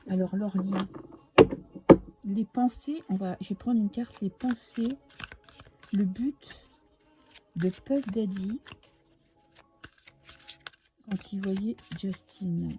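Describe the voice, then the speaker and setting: A woman's voice: medium pitch, takes it slowly, long pauses, mellow, a little hiss or hum. A woman with a French accent giving a casual, chatty tarot reading to her viewers, with many fillers and restarts. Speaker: tarot reader.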